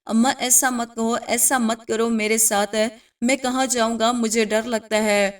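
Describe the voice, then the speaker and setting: A woman's voice: a little high, steady tone, recorded from a distance, close to an everyday voice. A woman voicing a frightened, grieving young orphan boy in a storybook tale, pleading and tearful.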